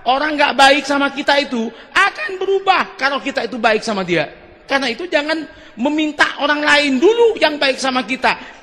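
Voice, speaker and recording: Brief: male Javanese-accented preacher, high, gravelly, lively sermon storytelling. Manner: lively storytelling, folksy, bursts of shouting. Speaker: Islamic preacher. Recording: long hall reverb.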